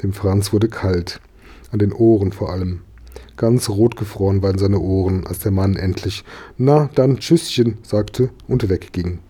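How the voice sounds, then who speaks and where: A man reading a children's story aloud in calm, even storytelling. His voice sits low and sounds very dark and mellow. A husky grain runs through it. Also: normal speed. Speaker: narrator.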